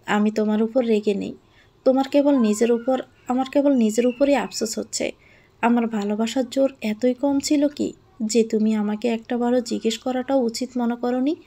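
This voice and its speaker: A woman voicing a lovestruck young husband in an audio storybook. He speaks softly and affectionately, almost pleading, in a slightly high, mellow tone with a gravelly fry. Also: fairly even intonation, moderate pace. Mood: hurt, tender.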